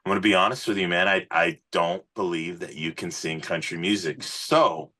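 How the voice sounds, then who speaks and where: Here a musician and singer on a podcast tells his story in a relaxed, rambling way, with plenty of little fillers. His voice is low and forceful, his manner earnest and informal. The tone stays steady and the speed is normal.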